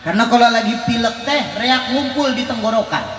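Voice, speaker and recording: A man preaching a humorous sermon, telling stories with teasing asides and occasional shouts. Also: very high-pitched, brisk. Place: large mosque hall with PA system. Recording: very echoey hall, faint room noise.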